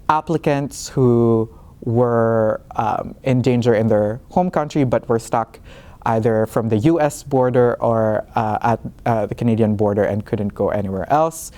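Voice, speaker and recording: Talking to camera about his master's program, a young man from the Philippines sounds casual and hesitant, full of fillers and false starts, in a warm, mid-range voice.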